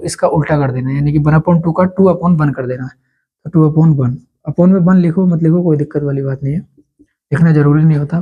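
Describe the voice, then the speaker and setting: A man's voice: fairly high pitch, dark tone, low-quality recording. A man teaching a school maths lesson step by step, patiently repeating the key steps.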